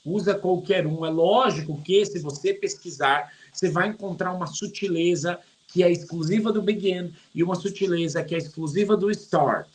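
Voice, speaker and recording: A middle-aged man with a Brazilian Portuguese accent, teaching English in an online lesson, joking and stretching English words out slowly to show their pronunciation. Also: sits high, rough recording.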